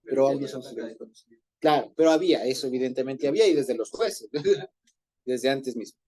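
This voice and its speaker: A man's voice: medium pitch, moderate pace, dark tone. A man leading an informal group Bible study, explaining Hebrew words in a conversational way and often rephrasing himself.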